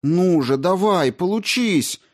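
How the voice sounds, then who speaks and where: A man voicing a resolute aunt who speaks firmly yet gently and with urgency. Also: mid-range voice, lively intonation, a little slow, pitched above the performer's own voice, natural voice. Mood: desperate. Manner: urgent, firm and gentle at once. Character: middle-aged aunt, resolute yet tender woman.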